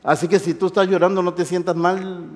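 A middle-aged man preaching to university students, animated, swinging from loud exclamations to soft intimate asides. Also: high voice, a little fast. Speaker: pastor. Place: large hall. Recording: reverberant hall.

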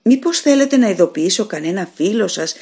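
A woman voicing a calm, kindly male shopkeeper who asks worried questions. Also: medium pitch, breathy edge. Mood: concerned. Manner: concerned, then astonished questioning.

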